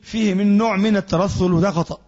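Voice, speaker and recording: A quick-talking Egyptian man teaches a religious lesson in a fairly high, husky voice. He explains each point and keeps putting questions to his class. The recording is dull and lo-fi. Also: steady tone, darkish tone. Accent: Egyptian Arabic. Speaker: sheikh teaching Islamic jurisprudence.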